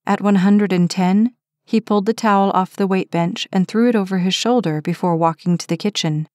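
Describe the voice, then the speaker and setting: A woman narrating a romance audiobook in a steady, measured reading on a close mic. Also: medium pitch, no echo. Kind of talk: scripted narration.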